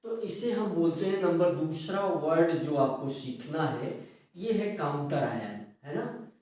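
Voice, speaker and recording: Slow, echoey teacher quizzing his class. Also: a little high, lively intonation, a little mellow. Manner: slow, repetitive, asks questions then answers them, frequent "है ना?"; addresses students as children. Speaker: chemistry teacher. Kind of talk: classroom lecture. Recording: echoey room, voice from a distance.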